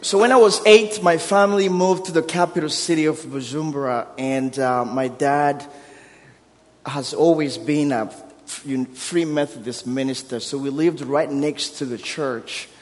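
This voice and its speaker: A slightly slow, higher-pitched male voice belongs to a guest preacher in his thirties from Burundi, who speaks with a Burundian accent and has Kirundi as his first language. His sermon mixes warm storytelling and self-deprecating humor with mounting emphasis. It echoes with long reverb through a church sanctuary.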